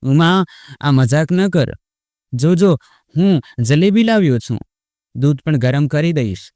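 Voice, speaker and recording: A man's voice: a little high, animated, slow pace, darkish tone, no echo, clean studio sound. A man voicing a grieving old husband who pleads in a choked, trembling voice.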